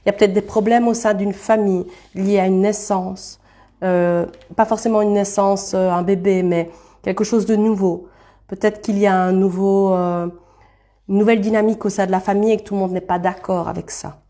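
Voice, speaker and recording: A woman with a mellow, warm voice gives a relaxed card reading on a live stream. She talks loosely and thinks out loud, breaking off to greet viewers by name. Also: medium pitch, brisk.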